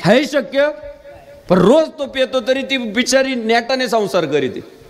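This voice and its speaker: A man preaching a humorous kirtan sermon, telling a story and swinging his voice low and high to act out the people in it. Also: lively intonation, measured pace. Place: live kirtan gathering.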